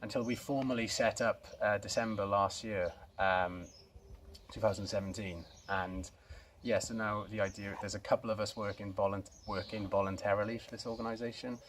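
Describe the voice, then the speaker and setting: A man's voice: on the low side, fairly even intonation, normal speed, fairly bright tone, slight background noise. A man from Swansea with a South Welsh accent, introducing himself in a casual, unscripted and somewhat hesitant way. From Swansea, Wales. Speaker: co-founder of a youth mental health organisation, introducing himself.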